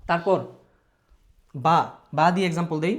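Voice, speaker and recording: In an online Quran recitation lesson, a man with a steady, higher-pitched voice teaches how to pronounce the letters at a moderate pace. He repeats sounds again and again, quizzes the learner, and slips in English words.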